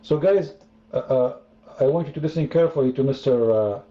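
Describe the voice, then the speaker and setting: Speaking a little fast at medium pitch, a man hosts an online debate room where he taunts religious views, repeating phrases sarcastically. The online chat recording is roomy and dull.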